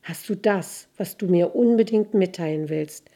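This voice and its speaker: A calm old male philosopher who questions patiently, as a woman reads him aloud. He speaks in a measured way with a soft, mellow tone. He sounds like a figure from a gentle storybook. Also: sits high. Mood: probing.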